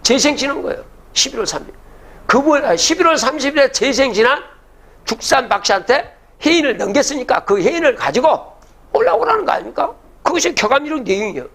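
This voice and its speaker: A man's voice: very high voice, expressive, fast talker, fairly bright tone. An older man giving a public lecture, reciting old verses and then explaining them, often asking the audience rhetorical questions.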